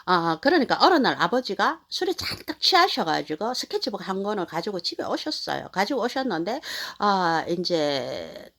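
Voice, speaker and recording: A woman in her fifties hosting her channel, telling a personal story in a rambling, animated way with many fillers. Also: medium pitch, moderate pace, few pauses. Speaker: channel host. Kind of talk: casual storytelling.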